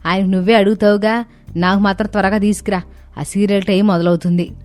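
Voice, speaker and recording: A woman voicing a sharp-tongued mother-in-law who scolds and brushes others off in a storybook tale. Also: mid-range voice, steady tone, quick pace, no room sound, soft background music, close to an everyday voice. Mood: dismissive. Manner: scolding and dismissive.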